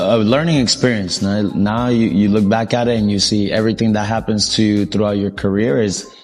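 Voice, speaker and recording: A young man born in Colombia, a soccer coach, talks through his story in a low, flat voice, relaxed and full of ums. Faint music plays beneath him. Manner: relaxed, rambling with frequent ums. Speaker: soccer coach, interview guest. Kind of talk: casual interview storytelling.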